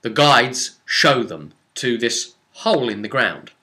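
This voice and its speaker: This game master tells the story of his tabletop campaign slowly, with lively intonation and a sharp tone at medium pitch. His recap is informal but emphatic and dramatic.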